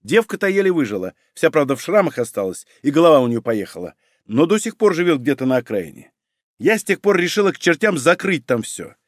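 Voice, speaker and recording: Brash middle-aged hospital chief, voiced by a man, coarse and bossy, lively pitch. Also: brisk, dry recording, studio quality. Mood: gossiping. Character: loud brash middle-aged female head doctor.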